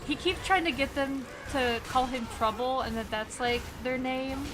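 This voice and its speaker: A woman's voice: sits high, moderate pace. A young woman streaming a game, chatting casually and giggling as she talks to the characters. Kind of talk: casual gameplay commentary. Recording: game sound noise behind.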